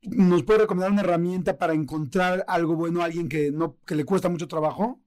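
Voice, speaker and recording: A man's voice: high voice, fairly even intonation, fast, darkish tone, no echo, clean studio sound. A man hosting an interview, asking the guest questions in a polite, curious way. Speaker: host.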